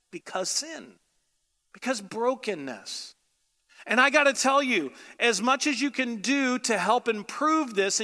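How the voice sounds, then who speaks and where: High, bright-voiced American preacher in a hall. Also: male voice. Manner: conversational, emphatic, repeats phrases for emphasis. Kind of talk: sermon. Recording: echoey hall with long reverb.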